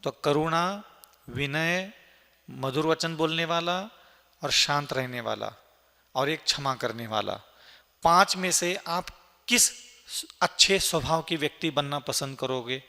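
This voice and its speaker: A monk preaches to a gathered audience, and his earnest voice sits a little high for a man. He builds his points through long lists and rhetorical questions, and a long reverb trails each phrase around the hall. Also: takes it slowly, gravelly, long pauses, pushed and bright. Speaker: Jain monk giving a Q&A discourse. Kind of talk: sermon answering questions.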